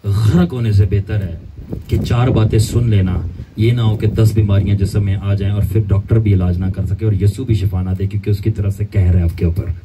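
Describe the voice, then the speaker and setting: Emphatic preacher with a tinge. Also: male voice, on the low side, steady tone, fairly quick, background noise. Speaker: pastor. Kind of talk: sermon.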